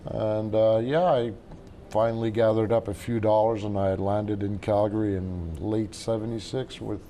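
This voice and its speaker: A man's voice: on the low side, flat delivery, normal speed, mellow, a little hiss or hum. A man in his sixties from Quebec, French his first language, telling his story as a guest in a folksy, chuckling way. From Quebec, Canada. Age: 60s. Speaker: guest, driving school manager. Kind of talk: casual interview storytelling.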